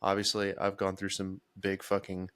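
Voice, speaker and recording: A man's voice: low voice, completely flat delivery, normal speed, fairly bright tone, smooth, no echo, studio quality. A man in his mid twenties co-hosting a podcast, laid-back and sarcastic, swearing casually. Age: 20s. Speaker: podcast co-host. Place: home office.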